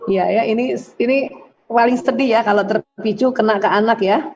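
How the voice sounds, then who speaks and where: High-voiced woman giving animated advice. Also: moderate pace. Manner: animated, acts out prayers and quotes. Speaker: doctor and speaker answering questions. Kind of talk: religious self-help talk. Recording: dull lo-fi sound.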